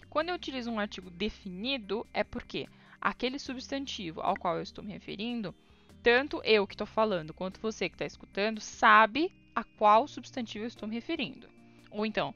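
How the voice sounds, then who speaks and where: A young woman, a native Portuguese speaker, teaching English in a casual video lesson, reading example sentences slowly and often checking in with "ok?". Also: mid-range voice, fairly bright tone, muffled recording.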